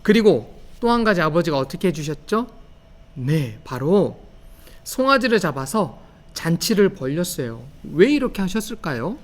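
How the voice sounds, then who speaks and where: Gentle man preaching to small children. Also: on the high side. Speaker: children's pastor. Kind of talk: children's sermon.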